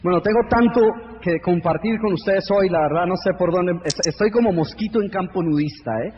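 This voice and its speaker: A man giving an energetic motivational seminar to a live audience, joking and firing rhetorical questions at the crowd. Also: sits high, a little fast. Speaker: motivational speaker. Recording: echoey hall, dull lo-fi sound, faint noise.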